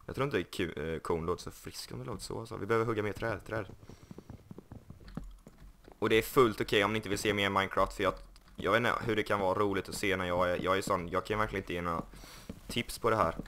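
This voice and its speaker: A man's voice: fairly low pitch, steady tone, a bit bright, a little hiss or hum. A young man casually commenting on his game, joking and mocking himself. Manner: joking, self-mocking, puts on silly voices. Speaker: gaming YouTuber. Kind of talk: casual Let's Play commentary.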